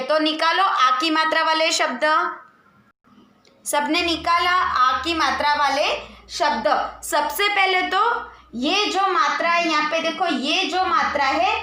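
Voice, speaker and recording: A woman's voice: extremely high pitch, sharp tone, echoey room. A woman teaching a Hindi lesson to young children, patiently spelling out letters one by one and asking the class questions, with a sing-song lilt at the ends of phrases. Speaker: primary school teacher.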